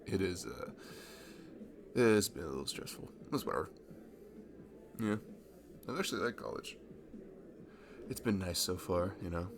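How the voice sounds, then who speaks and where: In a naturalistic ASMR roleplay, a man voices a friendly young college guy who is easily flustered, bashful and chatty. His low voice crackles with fry yet swings expressively with lively intonation. He stammers, hesitates and pokes fun at himself, keeping a slow overall pace.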